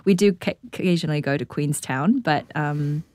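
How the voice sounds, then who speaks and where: New Zealand woman, low voice, dry close sound, reflective, rhetorical questions. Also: moderate pace, darkish tone, no echo. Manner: thoughtful, asks herself rhetorical questions. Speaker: conductor. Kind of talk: radio interview.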